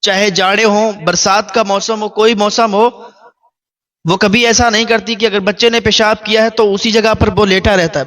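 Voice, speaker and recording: Male preacher, emotional sermon, emphatic storyteller, high and bright.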